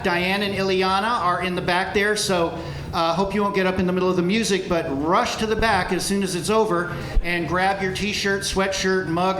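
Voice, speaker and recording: A middle-aged man speaks live to a concert audience as a volunteer, earnest and grateful, rallying the crowd and using plenty of fillers. His voice is high, and the large, echoey room carries background noise and crowd murmur.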